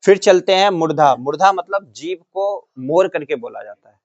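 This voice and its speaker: A man's voice: a little high, animated, normal speed, lo-fi sound. A male teacher giving a grammar lesson to a class, drilling the students with the same question again and again and giving the answers himself. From Bihar, India. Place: coaching classroom.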